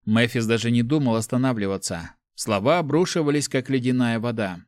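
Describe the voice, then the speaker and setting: Male narrator, steady measured audiobook read, mid pitch, dry close sound. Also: no room sound.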